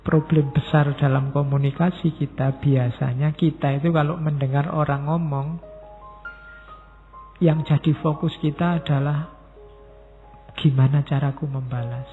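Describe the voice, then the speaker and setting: A man's voice: a little high, unhurried, pauses often. Man, middle-aged, lecturing, casual, echoing hall, faint music behind. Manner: relaxed, conversational, acts out example messages. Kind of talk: philosophy lecture. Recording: thin phone-like sound in a reverberant hall.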